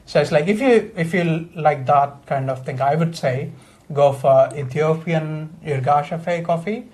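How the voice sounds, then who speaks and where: Man, higher-pitched voice, rambling, filler-heavy, casual chat guest, coffee expert. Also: darkish tone. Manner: rambling, many "so it's like" fillers, quick bursts.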